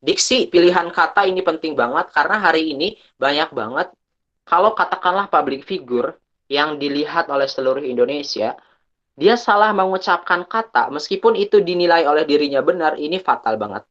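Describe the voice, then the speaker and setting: A young man speaking in a chatty, casual way at an online workshop. He often restarts and pauses with fillers. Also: on the high side, expressive, fairly bright tone, lo-fi sound. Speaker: webinar speaker.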